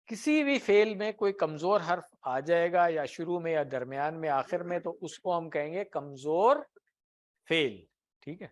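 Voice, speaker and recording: A man's voice: on the high side, lively intonation. A man teaching Arabic grammar in an Urdu classroom lecture, patiently explaining with everyday examples and asking the class questions. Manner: often ends points with a tag question.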